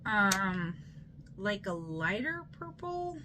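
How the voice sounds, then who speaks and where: A woman's voice: medium pitch, sing-song, slow pace, background noise. A tipsy woman, rambling loosely and playfully through a casual makeup unboxing vlog. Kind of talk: casual rambling product show-and-tell.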